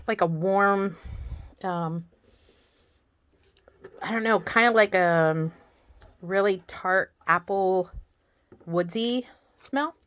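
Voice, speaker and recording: A woman vlogger chatting casually through an unboxing in her home office, gushing and excitable, with lots of "um"s. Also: medium pitch. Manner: gushing and excitable, many fillers.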